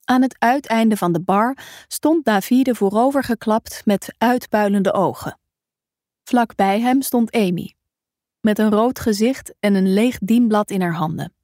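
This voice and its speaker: A woman reading a novel aloud as a calm, even audiobook narrator. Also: mid-range voice, measured pace, no room sound, studio quality. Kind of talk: scripted narration.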